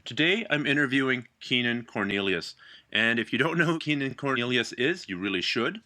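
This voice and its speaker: A man's voice: mid-range voice, animated, a little fast, bright, forceful tone. A man hosting an interview in a casual, enthusiastic way, speaking. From Canada. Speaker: podcast host.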